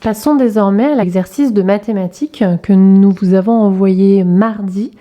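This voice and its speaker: In this online lesson video, a woman who teaches primary school leads small children through an activity. Her voice is medium in pitch and mellow, and she enunciates sounds and letters one at a time, slowly and deliberately.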